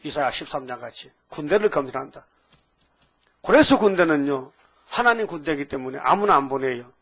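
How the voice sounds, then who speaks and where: An older man preaching a sermon, asking rhetorical questions and breaking into sudden emphatic loud rises. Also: a little high, animated, fairly quick, slightly rough. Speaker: pastor.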